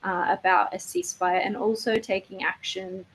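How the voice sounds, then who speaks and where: A woman speaking as a campaigner, giving an earnest, measured and informal presentation on an online call. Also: medium pitch, steady tone, a bit bright, low-quality recording. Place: online video webinar. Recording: noticeable faint background noise, online call.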